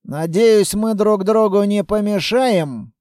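A man voicing a gruff, skeptical male former ranger who grumbles at his old partner in an audiobook. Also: high voice, takes it slowly, darkish tone, no echo, clean studio sound, voice pushed up.

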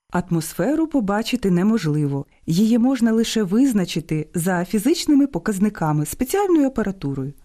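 A woman presenting an educational radio program, reading a clear, didactic script and slowing down to spell out word lists. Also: medium pitch, dark tone.

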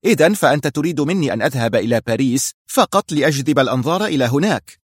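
A man's voice: medium pitch, lively intonation, quick pace, dry recording, clean studio sound, lightly acted. A man voicing a tense woman spy chief who answers back in short, irritated lines. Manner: clipped, irritated. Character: tense, sharp-tongued woman spy boss.

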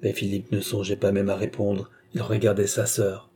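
Mellow husky male audiobook narrator. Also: lowish voice, little pitch movement, moderate pace. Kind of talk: scripted narration.

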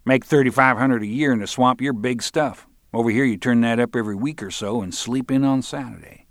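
A man's voice: mid-range voice, a little fast, no room sound, pitched above the performer's own voice, natural voice. A man voicing a laconic, dry-humored man swapping stories at a bar.

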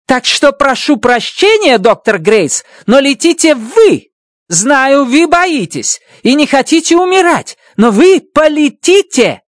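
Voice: medium pitch, no echo, studio quality, voice pushed up, lightly acted. A reader voicing a stern, domineering woman mission chief who barks orders in an audiobook. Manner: shouting, harsh and domineering. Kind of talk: audiobook character voice.

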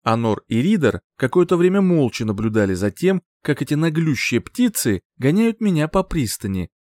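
Lively, expressive male audiobook narrator. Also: on the high side, normal speed, dry recording, clean studio sound. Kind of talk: first-person audiobook narration.

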